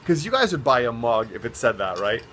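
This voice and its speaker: A man's voice: mid-range voice, sing-song, brisk, fairly bright tone, slight background noise. A man chatting casually to his vlog viewers, rambling and self-mocking as he jokes along. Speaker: vlogger, drag performer. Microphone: phone on a stand.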